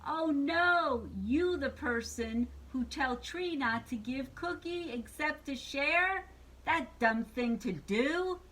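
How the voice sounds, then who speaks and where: Woman's take on a male monster, childlike, greedy, pleading, broken grammar, animated pitch, storybook. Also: takes it slowly, exaggerated voice, poor audio. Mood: indignant.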